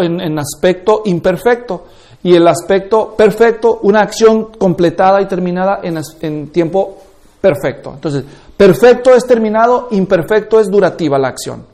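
A man with a notably high-pitched voice lectures on Bible interpretation. He explains patiently, point by point, and keeps pausing to make sure his students understand. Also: a little mellow. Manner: explanatory, often checks that listeners follow. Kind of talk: classroom lecture.

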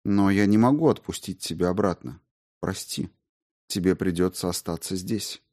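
Guy reading as a tsaritsa, low and calm, grave and measured, fairy-tale audiobook. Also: lightly acted.

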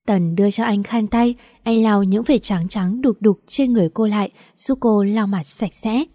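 A woman narrating a romance story in a steady, expressive reading. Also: mid-range voice, moderate pace, no echo, studio quality.

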